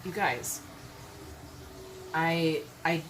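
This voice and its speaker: Low-voiced woman giving a casual tarot reading. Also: very slow, a bit bright, a little hiss or hum, low-quality recording. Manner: chatty, keeps checking in with "okay?" and "all right?"; blunt, swears casually. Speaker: tarot reader.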